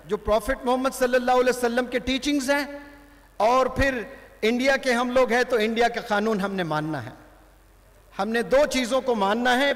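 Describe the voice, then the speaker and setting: A man's voice: extremely high pitch, a bit bright. A man giving a motivational lecture to students, speaking emphatically and switching between Hindi-Urdu and English. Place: large hall with audience. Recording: reverberant hall.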